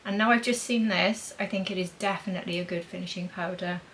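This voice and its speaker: A woman's voice: fairly low pitch, steady tone, fast, slight background noise, low-quality recording. A woman demonstrating makeup in a chatty vlog, thinking aloud as she applies blush and powder. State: talking with a mint in her mouth. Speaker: beauty vlogger.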